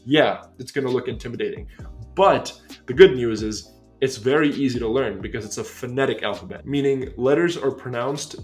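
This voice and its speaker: Upbeat American man explaining clearly. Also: mid-range voice, soft background music. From United States. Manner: upbeat and explanatory, stressing key points slowly. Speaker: language-learning video host. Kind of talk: scripted explainer review.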